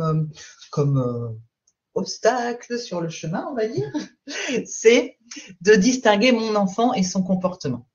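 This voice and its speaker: Woman, parenting coach, live-stream talk, patient, explanatory, checks in often, mid pitch, dull lo-fi sound. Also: darkish tone.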